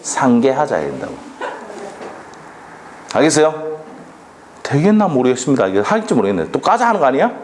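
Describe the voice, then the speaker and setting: Law lecturer, male, exam-prep style, pitch leaping all over, rhetorical questions, faint background noise. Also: brisk, long pauses. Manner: lively, quizzing students with rhetorical questions; slips into blunt local dialect jokes.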